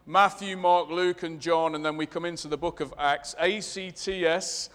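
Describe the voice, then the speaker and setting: A man with a Leicester accent from the English East Midlands preaches a sermon in a measured, explanatory way, in short phrases. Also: a little high, fairly even intonation, a bit bright, clean tone. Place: large reverberant room, preaching to a congregation. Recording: long reverberant hall sound.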